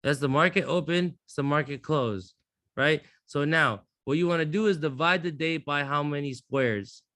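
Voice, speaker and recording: Male instructor, slightly high voice, dry close sound; brash, swearing, rambling teacher running a class. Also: moderate pace, pushed and bright, no echo. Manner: blunt, profane, rambling restarts. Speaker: trading instructor.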